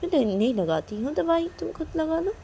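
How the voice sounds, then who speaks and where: Pleading caring young woman, played by a woman, coaxing repeats, slight vocal fry. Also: mid-range voice, moderate pace, dark tone, slight background noise.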